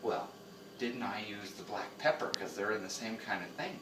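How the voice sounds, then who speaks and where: A man's voice: fairly low pitch, lively intonation, moderate pace, far from the mic. A man talks casually while he cooks, rambling and joking at his own expense. He is recorded in a home kitchen on a camera mic across the room. The sound echoes, and noise runs steadily behind his voice. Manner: rambling, self-deprecating, laughs often. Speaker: home cooking vlogger. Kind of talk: casual chatty cooking vlog.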